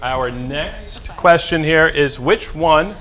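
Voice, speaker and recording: A man's voice: a little high, slow pace, bright, forceful tone, slight background noise. A man hosting a fundraising broadcast, running a playful trivia quiz with teasing jokes. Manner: jokey, teasing, exaggerated repetitions.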